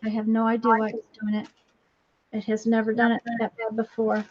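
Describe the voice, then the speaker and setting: A woman's voice: fairly high pitch, monotone, a little fast, background noise. A woman hosting a craft tutorial, chatty and apologetic, her voice thrown back by heavy room echo. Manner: chatty, self-correcting, apologetic. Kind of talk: casual step-by-step demonstration. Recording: dull lo-fi stream audio with echo.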